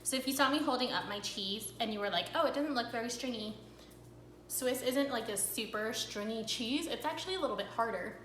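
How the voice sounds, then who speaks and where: A woman's voice: on the high side, lively intonation, a little fast, few pauses, a bit bright, reverberant, a little hiss or hum, rough recording. A young woman hosting a cooking vlog, chatting casually to camera with a rambling, filler-filled manner.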